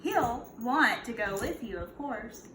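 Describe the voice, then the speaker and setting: Here a kindergarten teacher with a fairly high, animated voice reads slowly from a picture book to little children. She takes an instructive approach, prompting them with questions, and the recording has echo and distinct background noise.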